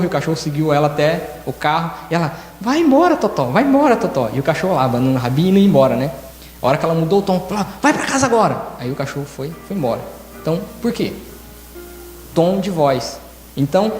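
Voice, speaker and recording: Male church elder, fairly high voice, demonstrative sermon delivery, echoey hall, faint music behind. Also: darkish tone. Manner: demonstrative, acts out tones of voice in quoted examples.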